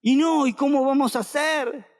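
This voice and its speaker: A man's voice: very high voice, moderate pace. A man with an Argentine accent, a pastor preaching emphatically and repeating phrases for the congregation to say back. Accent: Argentine Spanish. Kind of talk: sermon. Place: auditorium. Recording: long reverb of a large hall.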